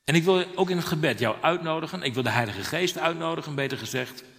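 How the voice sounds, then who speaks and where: Man, preacher, animated sermon, bright tone, long hall reverb. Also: on the high side, fast talker, gravelly. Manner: animated storytelling with dramatic rises.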